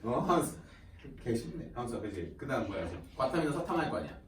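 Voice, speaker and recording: A male high school teacher talking casually to his students, chatty and animated, often acting out students and teachers in quoted asides and laughing along the way. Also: fast talker, slight background noise. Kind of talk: casual classroom talk to students. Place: classroom. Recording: roomy classroom sound from a distant mic.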